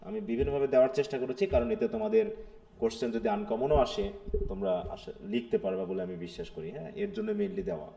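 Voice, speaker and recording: Gravelly-voiced male literature teacher. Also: mid-range voice, very animated, fast, mellow. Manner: explains step by step, keeps checking with students. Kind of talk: live online class, mixing Bengali and English.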